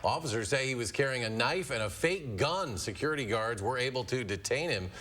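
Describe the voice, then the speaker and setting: American male news anchor, mid-pitched. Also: lively intonation, a little fast, fairly bright tone. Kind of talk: scripted newscast reading.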